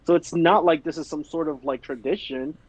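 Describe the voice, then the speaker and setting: A man's voice: a little high, steady tone, a little fast, no room sound, muffled recording. A man on a political podcast panel who talks emphatically and laughs as he goes. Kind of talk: casual political podcast chat.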